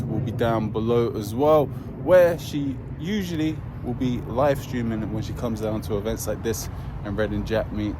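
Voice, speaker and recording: Man chatting at a car meet. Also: fairly low pitch. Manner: enthusiastic, chatty car talk. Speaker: car vlogger. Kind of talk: casual vlog commentary. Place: outdoors at a pub car meet. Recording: outdoor recording with traffic noise. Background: passing cars and motorbikes.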